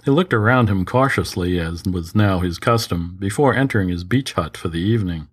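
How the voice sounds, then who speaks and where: A man narrating a crime story in a measured, even storytelling voice, lightly voicing the characters. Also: low voice, husky.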